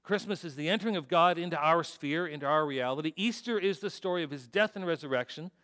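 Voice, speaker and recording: A man's voice: a little high, fast talker, fairly bright tone. A middle-aged man preaching a sermon to a congregation, conversational and joking, asking his listeners questions. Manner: conversational, self-deprecating humor with audience questions. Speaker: pastor.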